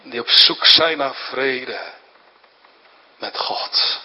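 A man's voice: medium pitch, drawn-out words, sharp tone. A male pastor preaching a solemn, pleading sermon that swells into fervent emphasis, recorded in a church. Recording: dull sound in a reverberant church.

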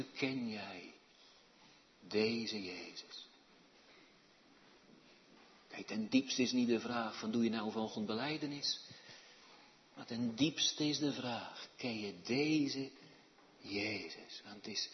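A man preaching a sermon in a church, moving from hushed words to loud fervent calls. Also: mid-range voice, slight background noise. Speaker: pastor. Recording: dull sound with long church reverb.

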